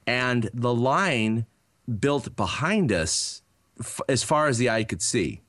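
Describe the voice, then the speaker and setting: A man in his thirties tells a long rambling story in a casual podcast chat, his pitch swinging up and down as he goes. He stumbles through fillers and restarts. The sound is close and dry, with no room around it. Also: lively intonation, takes it slowly, fairly bright tone, dry recording. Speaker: podcast co-host.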